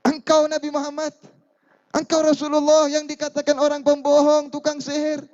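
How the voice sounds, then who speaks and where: A man preacher voicing an angry woman who scorns and accuses, in a raised high-pitched scolding tone, on a dull lo-fi recording. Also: completely flat delivery, normal speed, darkish tone. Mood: scornful.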